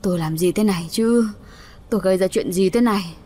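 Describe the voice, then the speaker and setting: A woman's voice: medium pitch, brisk, warm tone, close to an everyday voice. A woman voicing a remorseful old landlord and father who pleads in a choked voice, in a storybook reading. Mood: anguished.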